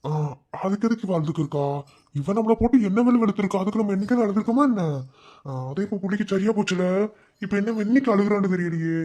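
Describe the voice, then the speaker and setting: A man's voice: high voice, quick pace, dark tone. A man voicing a hot-tempered, clumsy young village husband in a cartoon, whining and pleading, with a Madurai accent. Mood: grumbling. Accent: Madurai Tamil. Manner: pleading, whiny apologies.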